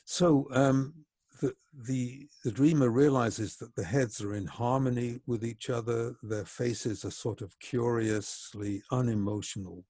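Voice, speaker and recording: A man giving a reflective psychology lecture, measured and explanatory, slowing down to stress key points. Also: mid-range voice, fairly even intonation, dark tone, breathy edge, no room sound.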